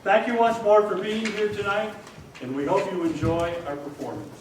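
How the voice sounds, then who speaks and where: Playing an upbeat 1940s radio show announcer, a high-pitched man with a natural voice welcomes a live audience as host, theatrical, showy, and coaxing at a moderate pace. He is on the stage of a performing arts hall, recorded from far off with an echoey sound and faint noise.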